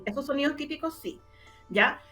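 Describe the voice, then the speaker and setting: Over music, a Chilean-accented radio drama maker speaks in a high voice at a moderate pace during a casual interview. Eager to explain, she repeats words frequently as she searches for what to say next.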